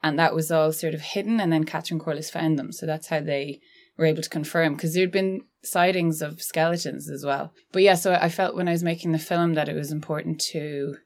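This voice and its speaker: A woman's voice: low-pitched, steady tone, fairly quick, hardly any pauses. A woman from Galway with a west of Ireland accent, talking reflectively and conversationally as a filmmaker being interviewed. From County Galway, Ireland. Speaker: documentary filmmaker, interview guest. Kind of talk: casual podcast interview.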